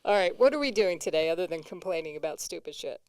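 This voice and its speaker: A woman's voice: lowish voice, lively intonation, fast talker, darkish tone, no echo. A woman with a New England accent co-hosting comedic banter in a matter-of-fact, dry way. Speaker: co-host.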